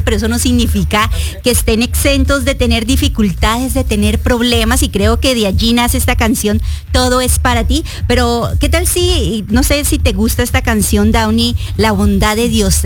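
Woman hosting a radio talk show. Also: fairly high pitch.

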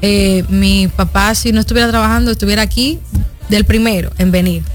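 A Dominican woman in her twenties, medium-pitched and steady, speaks briskly with a Dominican Spanish accent as a guest on a conversational radio interview. Faint music plays behind her as she answers earnestly and reflectively, hesitating between phrases.

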